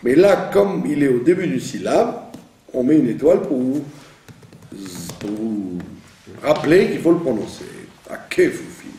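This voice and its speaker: A man's voice: a little high, expressive, brisk, warm tone, soft background music. A man teaching the reading of Hebrew prayer, patiently explaining and often checking that he has been understood. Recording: echoey room, from a distance.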